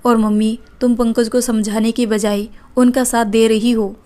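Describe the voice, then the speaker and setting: A woman's voice: on the high side, flat delivery, measured pace, dark tone, natural voice. A woman voicing an outspoken, caring elder sister-in-law in a read-aloud family story. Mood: angry. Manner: firm, reproachful.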